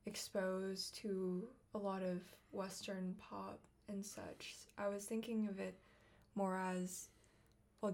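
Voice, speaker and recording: A woman's voice: medium pitch, gravelly, darkish tone. A woman from Thailand interviewing a guest for her radio show, giving brief, tentative answers. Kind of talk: casual interview.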